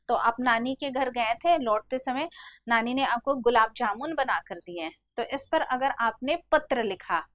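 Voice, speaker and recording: High-voiced woman teaching a Hindi lesson. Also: a bit bright, no room sound. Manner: explanatory, addresses students as "beta". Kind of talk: exam-prep Hindi lesson.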